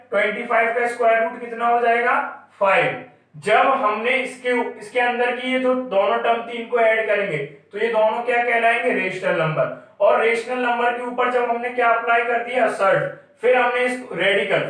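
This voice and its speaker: A man's voice: very high voice, fairly bright tone. A male math teacher giving a classroom lecture, asking questions and answering them himself. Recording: echoey room, far from mic.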